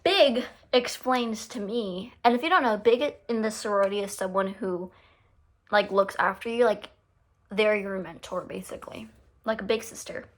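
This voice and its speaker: A young adult woman telling a story in a casual vlog, animated and swearing freely as she acts out what people said. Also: mid-range voice, moderate pace. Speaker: vlogger.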